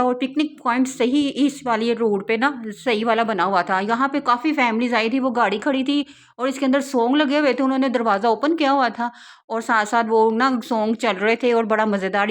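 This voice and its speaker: Woman, young adult, casual vlog narration, chatty, laughs often, slightly high voice. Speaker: vlogger, mother.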